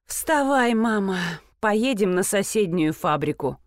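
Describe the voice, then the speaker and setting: A woman plays a bossy young woman who haggles without mercy in an audiobook. Her lines are short, icy and commanding, pitched a touch high, in a dry, close sound. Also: animated, unhurried, no echo, lightly acted. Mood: haughty. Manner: curt, cold and commanding.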